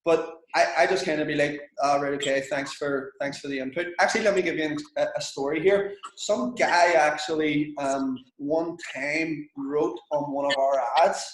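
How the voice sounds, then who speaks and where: A man with a Belfast accent coaches a group of business students in a casual session, speaking frankly, chattily, and with plenty of swearing. His voice is on the high side with a steady tone, moving at a moderate pace with hardly any pauses. The recording is rough and reverberant.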